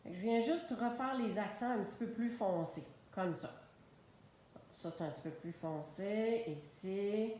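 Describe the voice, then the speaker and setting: A woman with a Québécois French accent leads a live craft tutorial, narrating each coloring step in a chatty, unhurried way. Her speech is slow and her pitch sits in a middle range. The recording is very echoey, with a faint hiss underneath. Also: dark tone. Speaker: craft demonstrator. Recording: very echoey room, faint noise.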